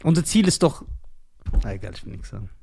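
A man's voice: mid-range voice, big pitch swings, fast, gravelly, darkish tone, slight background noise. A man co-hosting a casual podcast, joking around and laughing often. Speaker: comedian and podcast co-host. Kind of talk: casual banter.

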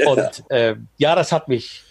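A man chatting as a guest, telling anecdotes with an animated, storytelling manner. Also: medium pitch, unhurried. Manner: lively, animated storyteller who acts out quotes. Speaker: guest, author and reader. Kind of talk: casual chat.

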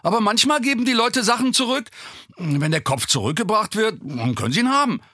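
A man voicing a stocky teenage boy who plays dumb, with a nasal, slow, vacant way of talking, in an audiobook reading. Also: high-pitched, very animated, pushed and bright, dry recording, studio quality, pitched above the performer's own voice, full character voice. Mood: feigned dumb. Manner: slow, vacant, dim-witted act.

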